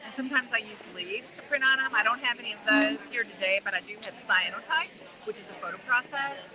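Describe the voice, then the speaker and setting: A woman's voice: on the high side, quick pace, low-quality recording. A woman giving casual answers as an artist guest in a live interview. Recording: busy crowd behind.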